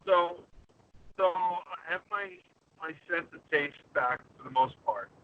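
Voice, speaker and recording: A man's voice: fairly high pitch, unhurried. Man on a choppy, cutting-out stream. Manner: easygoing, hesitant, trails off into fillers. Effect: garbled, choppy stream that keeps cutting out. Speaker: podcast guest on a remote call. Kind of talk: casual chat. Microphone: phone or laptop on a mobile connection. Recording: dull lo-fi remote connection.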